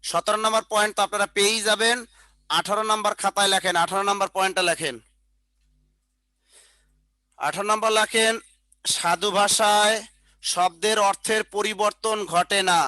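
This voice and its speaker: A man's voice: high-pitched, steady tone, a little fast, long pauses, bright, forceful tone, no echo. A man teaching an online class over a video call, dictating notes, repeating points, with colloquial joking asides. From Bangladesh.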